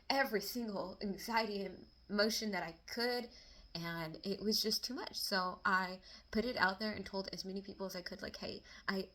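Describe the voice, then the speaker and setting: Bright-voiced woman venting candidly. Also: medium pitch. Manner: candid, emotional, swinging between laughter and near tears; swears casually, quick bursts of exasperation. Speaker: vlogger. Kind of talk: personal confessional talk to camera.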